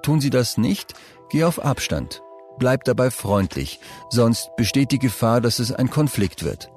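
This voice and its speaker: A man narrating scripted advice for young people, speaking calmly and addressing the listener directly. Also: medium pitch, measured pace, soft background music. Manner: calm, direct second-person advice.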